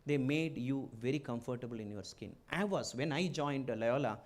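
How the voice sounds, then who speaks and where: A man's voice: mid-range voice, normal speed. A middle-aged man from India with a strong Malayali accent, giving a motivational address to students as a guest speaker, in short emphatic phrases with repeated key words. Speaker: guest speaker, entrepreneur and former chief executive.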